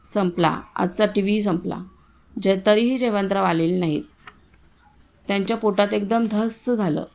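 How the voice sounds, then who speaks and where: A woman reading a short story aloud in a calm, even storytelling manner, voicing the family's dialogue herself. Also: medium pitch, normal speed, gravelly. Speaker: story reader.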